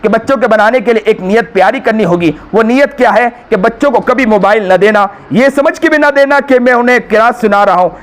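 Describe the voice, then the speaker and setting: A man's voice: high-pitched, hardly any pauses. A man with an Indian Urdu accent, preaching earnestly to women and pleading with them. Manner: earnest, pleading, repeats phrases. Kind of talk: religious talk to women.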